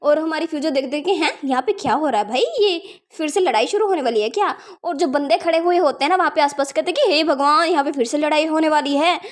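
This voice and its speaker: A woman's voice: sits high, quick pace, hardly any pauses. A woman casually retelling a comic story, chatty and informal, speaking the characters' lines with light shifts in her own voice. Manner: chatty, keeps calling listeners yaar and bhai. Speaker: manhwa recap narrator. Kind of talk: casual story recap narration.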